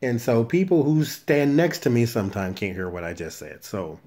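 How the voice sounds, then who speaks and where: A man with a very soft, naturally muffled mid-range voice hosts a tarot channel, chatting casually to his viewers in a vlog style. He stays quiet and unhurried, never raising his voice. He records on a cell phone camera in a shared room at home.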